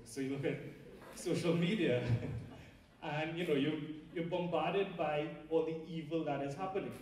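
His fairly high, slightly mellow voice carries a Trinidadian accent as this Trinidad-born preacher delivers a chatty sermon with fillers and asides. The crowd is large, the lecture hall big and very echoey, and he is heard from a distance.

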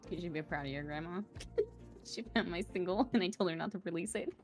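A woman's voice: on the low side, fast, soft background music. A woman chatting casually on a live stream, telling stories with lots of laughter and swearing. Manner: laughs often, swearing, storytelling.

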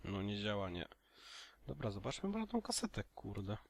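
Low-voiced man muttering game commentary. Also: sing-song, a little fast, vocal fry. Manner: muttering, mild cursing. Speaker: gaming streamer. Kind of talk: casual gameplay commentary.

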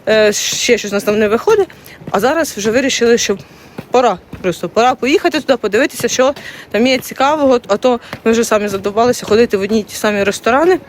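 A woman's voice: on the high side, slight background noise. A woman from Ukraine chatting casually to her viewers in a family vlog, recorded in a car on the road. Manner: chatty, talks straight to viewers. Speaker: family vlogger.

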